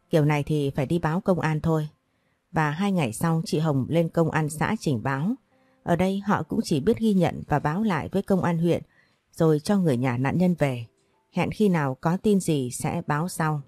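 Female storyteller, low dark voice, steady dramatic narration, dry sound. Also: dry recording.

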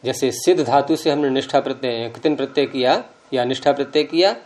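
A man's voice: mid-range voice, a little fast, darkish tone. A man with a Hindi accent teaching Sanskrit grammar to a class, patiently explaining and repeating word forms aloud.

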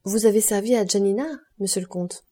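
A woman voicing a composed, courteous middle-aged count in an audiobook, measured and polite. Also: medium pitch, fairly even intonation, dark tone, natural voice. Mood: courtly.

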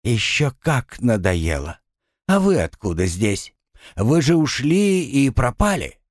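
A man's voice: medium pitch, big pitch swings, takes it slowly, dry recording, clean studio sound, pitched above the performer's own voice. A man doing a grumbling drowned spirit. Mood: pleading. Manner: complaining, exasperated. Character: drowned man's spirit, grumbling, self-pitying, wry. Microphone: close studio mic.

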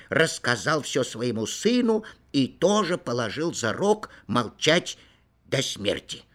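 A male audiobook narrator reading a classic story. His delivery is expressive and storytelling in manner. His pitch moves in wide, lively swings.

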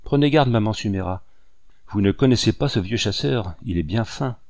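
A man playing a naive excitable young woman. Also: lowish voice, moderate pace, no room sound, clean studio sound. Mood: cautioning.

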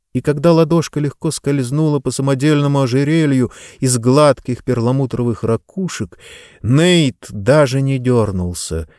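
A man narrating an audiobook with an expressive reading. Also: mid-range voice, dry recording, clean studio sound. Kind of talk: scripted narration.

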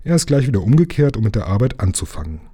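A man voicing a burly, good-natured engine driver who talks in a gruff, grumbling way. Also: mid-range voice, very animated, quick pace, mellow. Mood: cheerful.

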